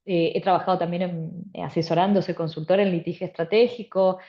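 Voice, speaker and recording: Interviewed about her work, this bioethicist and law professor from Argentina, a middle-aged woman, speaks articulately and repeats phrases to stress points. Her voice is fairly low and steady, a little fast, and the recording is muffled.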